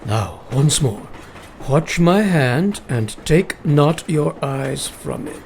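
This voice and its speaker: A man's voice: fairly high pitch, animated, slow, gravelly, darkish tone, a little hiss or hum, full character voice. A man in a radio play acting a grave, courteous older professor who leads vampire hunters, speaking formally in old-fashioned phrases.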